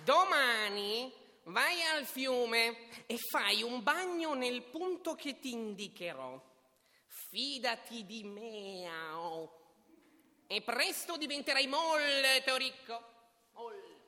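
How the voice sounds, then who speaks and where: A woman's voice: a little high, expressive, takes it slowly, exaggerated voice. A woman voicing a clever, scheming male cat in a storybook, sly and coaxing. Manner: sly, coaxing, shouts in alarm. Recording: long hall reverb.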